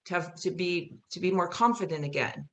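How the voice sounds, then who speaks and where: A woman with a lowish voice, a touch of vocal fry and a slightly fast pace speaks as a podcast guest and theatre creator. Her chat is casual, reflective and earnest, circling back over phrases for emphasis, and the recording carries roomy echo and faint hiss.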